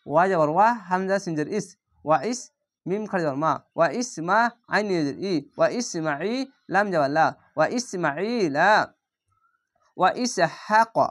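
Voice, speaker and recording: A man teaching Quran reading, patiently spelling out each letter and vowel mark and then drawing out the Arabic words slowly. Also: high voice, lively intonation, a bit bright. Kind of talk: spelling-out Quran recitation lesson.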